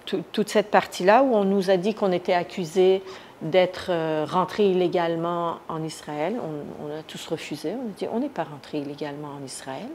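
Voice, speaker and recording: An Iranian activist with a slightly low, somewhat mellow voice recounts her detention in an interview. Her first-person account is spontaneous and halting as she searches for words, with noticeable background noise in the recording.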